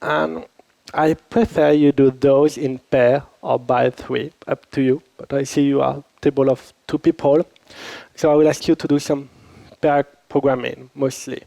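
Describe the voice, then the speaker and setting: Recovering from a cold, this workshop instructor, a French-accented man living in Switzerland, leads a conference session in a relaxed, conversational style and quizzes the audience. He speaks in a mid-range, dark voice with vocal fry, steady and slightly slow. Audio from his handheld or lapel microphone is dry and poor.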